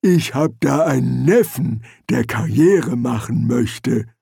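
A man voicing a calm, unhurried male troll who works as a bouncer in an audiobook. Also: medium pitch, vocal fry, breathy edge, dry recording, studio quality, full character voice. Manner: slow and calm.

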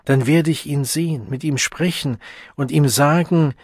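A man reading an audiobook, voicing the soft, inward thoughts of a lovesick young woman. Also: on the high side, unhurried, breathy edge, no room sound, clean studio sound, pitched above the performer's own voice. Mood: hopeful.

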